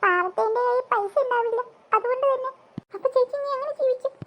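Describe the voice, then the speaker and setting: A woman's voice: very high voice, quick pace, highs cut off, a little hiss or hum. A performer voicing every role in a family cartoon, switching voices between two sisters, their mother and a friend. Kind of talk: cartoon voice acting.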